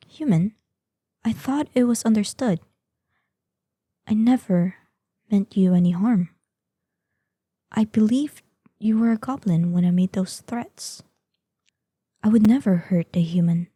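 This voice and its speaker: In this scripted roleplay audio drama, an actress voices an ancient, vain dragoness in human shape, using a medium-pitched, very dark, mellow tone with breathy softness. Her slow, imperious delivery and formal, theatrical phrasing suit fantasy audio drama, here carrying an earnest, reassuring mood. There's no echo.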